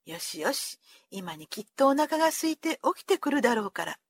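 A woman voicing a stern middle-aged mother who mutters to herself about her stubborn son in a low, hushed voice. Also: sing-song, fairly quick, husky, exaggerated voice. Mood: exasperated.

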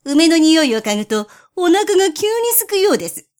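A woman's voice: extremely high pitch, big pitch swings, moderate pace, darkish tone, pitched above the performer's own voice. A woman voicing a sly, scheming male spotted cat who coaxes in a syrupy tone, in a storybook reading. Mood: coaxing. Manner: coaxing, wheedling tone.

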